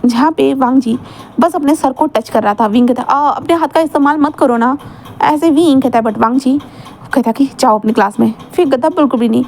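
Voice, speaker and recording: A woman's voice: sits high, fairly quick, darkish tone. A woman casually narrating a fan-fiction romance story, voicing the characters' lines in her own voice. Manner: casual, filler-heavy retelling.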